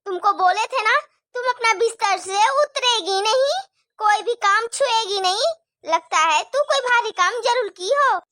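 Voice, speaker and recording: A woman's voice: extremely high pitch, expressive, unhurried, dry recording, clean studio sound, full character voice. A woman voicing a nagging, taunting middle-aged mother-in-law in a cartoon story. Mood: accusing. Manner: sharp, taunting, complaining.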